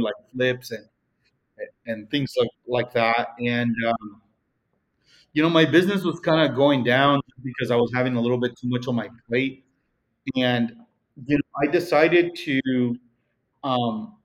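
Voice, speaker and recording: Through a muffled recording, a man with a Mexican accent and a mid-range voice appears as a guest in a casual interview. A real estate broker, he rambles with lots of fillers and restarts.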